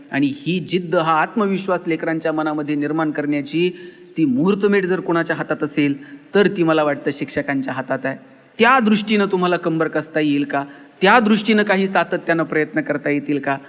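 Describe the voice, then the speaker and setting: High-voiced man lecturing in a hall. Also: a bit bright. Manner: emphatic, storytelling, acts out dialogue. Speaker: motivational speaker. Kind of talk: public lecture with acted anecdotes. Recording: long hall reverb.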